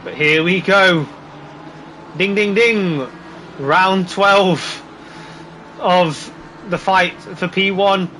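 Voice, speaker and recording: Excitable guy doing live race commentary, high forceful voice, bit of background noise. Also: extremely slow, rough recording. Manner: excitable running play-by-play, exclaiming. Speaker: motorsport commentator on a sim racing broadcast.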